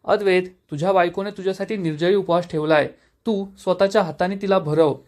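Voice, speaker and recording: A man's voice: sits high, steady tone, brisk, a little mellow, lightly acted. A man reading the lines of a stern elderly family patriarch in a recap of a TV serial, scolding in his own plain voice. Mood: firm.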